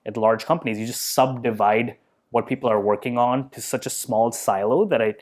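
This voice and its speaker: A medium-pitched man's voice holds a steady tone at normal speed. He's an Indian podcast guest in his thirties, easygoing and humble, working through his thoughts aloud in a casual interview, thoughtful and self-deprecating with plenty of filler words.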